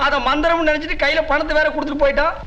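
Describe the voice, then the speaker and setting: A man's voice: very high voice, little pitch movement, sharp tone, muffled recording. An actor playing a scheming fake holy man, a panicky middle-aged con artist who blusters and whines in film comedy dialogue. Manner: whiny, fast-talking bluster.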